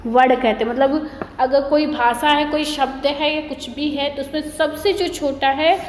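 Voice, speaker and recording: Woman teacher going slow, asks then answers herself, echo hanging on the room. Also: sits high, steady tone, slight background noise. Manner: asks the class questions and answers them herself; drawn-out sounding of letters. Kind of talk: slow, patient Hindi grammar lesson. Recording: echoey room, long reverb.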